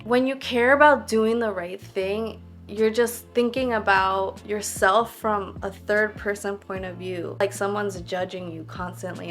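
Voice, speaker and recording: Reflecting casually on camera, a young vlogger uses "like" as a filler over and over. Her tone is earnest, and her mid-range voice sounds fairly bright.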